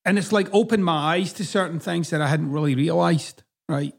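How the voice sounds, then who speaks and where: This podcast host is a middle-aged man from Scotland, his accent partly Americanized and his voice slightly high and gravelly. At a moderate pace, he launches into a casual, forceful monologue, swearing freely and speaking bluntly.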